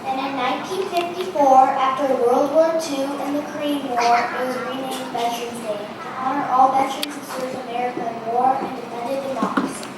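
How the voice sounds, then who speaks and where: A woman reading a formal ceremony script into a podium microphone, with measured announcing. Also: high-pitched, steady tone. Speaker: ceremony reader. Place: large echoey school gym or hall. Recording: echoey, distant PA sound with background noise.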